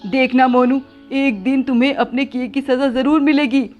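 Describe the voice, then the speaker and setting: A woman's voice: high-pitched, fairly even intonation, moderate pace, a little mellow, faint music behind, natural voice. A woman voicing a male crow husband who sternly warns his wife. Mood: warning. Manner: stern, warning.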